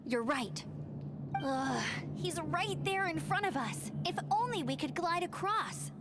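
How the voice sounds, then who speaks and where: A woman's voice: high voice, expressive, takes it slowly, background noise. A woman voicing a plucky, confident young female knight in an anime-style video game, peppy and earnest. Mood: resolute.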